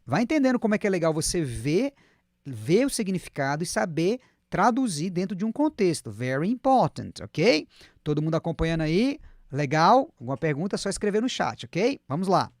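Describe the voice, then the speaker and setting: A man's voice: high-pitched, dry recording, studio quality. A man teaching an online English lesson, chatty and encouraging, whose first language is Portuguese. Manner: lively, chatty, repeats words slowly for students to copy.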